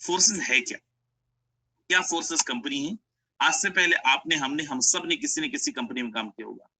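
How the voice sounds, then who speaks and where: A young man runs an online sales webinar, coaxing listeners to stay and often calling them his friends. His voice is sharp, bright and tense. The sound is dry and close, as on a video-call mic. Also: a little high, moderate pace, husky, no echo, rough recording. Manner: persuasive, repeats "my friend", mixes English phrases. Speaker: webinar presenter.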